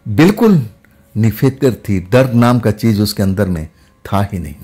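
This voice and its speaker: A man telling a first-person horror story in a steady, conversational way. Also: fairly low pitch, normal speed, husky.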